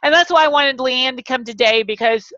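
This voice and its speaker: A bubbly, enthusiastic woman hosts a talk show, her voice pitched high and quick to laugh. The sound is dry and close, with a slightly dull, lo-fi edge to the recording. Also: sharp tone, no room sound. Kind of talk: upbeat interview chat.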